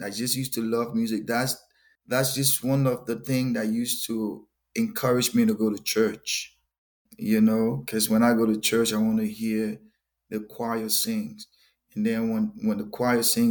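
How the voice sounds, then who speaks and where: Young Liberian-accented man, low and even delivery, earnest gospel musician guest. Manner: earnest, repeats words as he talks. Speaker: gospel musician and worship leader. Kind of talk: podcast interview.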